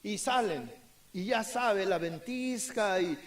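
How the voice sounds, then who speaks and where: A man's voice: high voice, animated, slow. A middle-aged man, preaching a sermon to married couples and telling a story while acting out its dialogue. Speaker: pastor.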